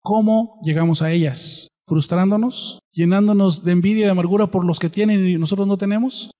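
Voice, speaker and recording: A male pastor delivers a sermon in a high voice. He keeps checking that his listeners are with him, asking question after question. The voice rings through a hall with a long reverb. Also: steady tone, a little fast, dark tone. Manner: preaching with rhetorical questions to the congregation.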